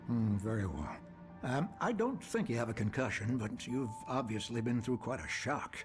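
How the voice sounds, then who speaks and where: An actor playing a kindly old small-town doctor and fisherman in a video game, folksy and gently hesitant. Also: mid-range voice, animated, normal speed, lightly acted. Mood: reassuring. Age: older. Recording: background music under voice.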